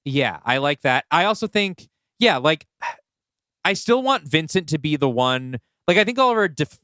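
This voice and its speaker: A man's voice: fairly high pitch, very animated, normal speed, pushed and bright, dry recording, clean studio sound. A man co-hosting a podcast, chatting casually and thinking aloud as he works through story ideas, with lots of "like" along the way. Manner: thinks aloud, often says "like". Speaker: podcast co-host and writer. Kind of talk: casual brainstorming chat.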